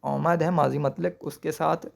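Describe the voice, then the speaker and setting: A man's voice: on the high side, fairly even intonation, gravelly, a little mellow. A man teaching Persian grammar patiently, repeating each word and asking rhetorical questions. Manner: checks understanding with rhetorical questions. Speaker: language teacher.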